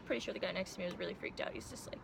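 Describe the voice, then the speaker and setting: A young woman from Iowa telling her story casually to the camera, animated and laughing often, acting out the voices of the people she quotes. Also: mid-range voice, rapid-fire, vocal fry, slight background noise. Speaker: vlogger.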